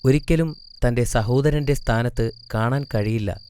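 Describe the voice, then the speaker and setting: A man's voice: mid-range voice, moderate pace, darkish tone, a little hiss or hum, natural voice. A man voicing a respectful youngest brother in a cartoon story, speaking plaintively.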